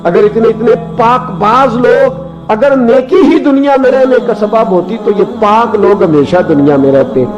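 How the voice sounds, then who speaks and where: A man preaching an Islamic sermon, telling stories with passion and building to high emotional peaks. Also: moderate pace. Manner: impassioned storytelling, rising to high emotional climaxes. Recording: dull lo-fi sound with background music. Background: background music.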